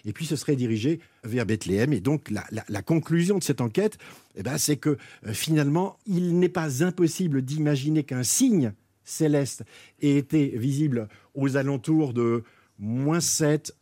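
A man telling an explanatory story on the radio, with hesitant, measured phrasing. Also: medium pitch, mellow, no room sound, studio quality. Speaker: radio guest presenting an investigation.

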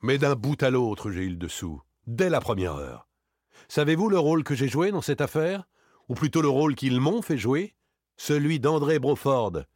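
A man reading an audiobook, voicing a suave, proud gentleman burglar with ironic, theatrical outbursts. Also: mid-range voice, no echo, studio quality, voice pushed up.

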